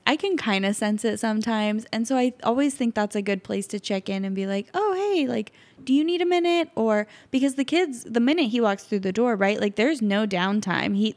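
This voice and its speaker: A woman in her thirties co-hosting a podcast, talking casually and reflectively, often trailing off and restarting. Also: medium pitch. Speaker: podcast co-host. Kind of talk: casual chat.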